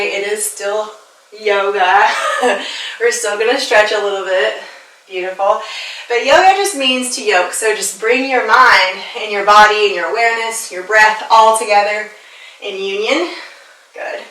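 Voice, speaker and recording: A woman's voice: medium pitch, measured pace, bright, forceful tone. A woman leading a yoga class as instructor and personal trainer, upbeat and playful, laughing often and a little out of breath as she moves with the class. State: slightly out of breath from exercising. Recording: echoey room, voice a bit far from the mic.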